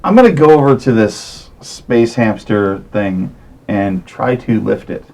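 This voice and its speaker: A man chatting casually as a tabletop game player, working out his plans aloud in a halting way. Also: lowish voice, lively intonation, creaky, a little mellow.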